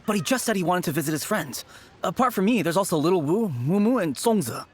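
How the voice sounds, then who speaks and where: An actor playing a young man fondly recalling his childhood friend, warm-hearted and reminiscing. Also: high-pitched, lively intonation, fast, soft background music. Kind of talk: video game voice acting.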